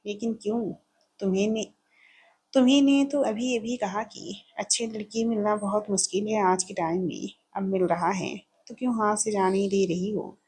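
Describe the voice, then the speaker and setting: A woman voicing a gentle, patient young married woman who likes to tease her friend. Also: mid-range voice, steady tone, normal speed, slightly rough, close to an everyday voice. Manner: gentle, teasing.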